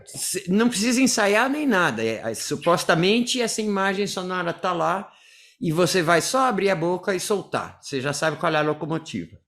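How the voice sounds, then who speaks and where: A man's voice: high-pitched, moderate pace. Brazilian guy teaching english, chatty, laughs a lot, voice jumps all over. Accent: Brazilian Portuguese. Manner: animated, chatty, laughs often, drills phrases aloud. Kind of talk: teaching chat over a student video.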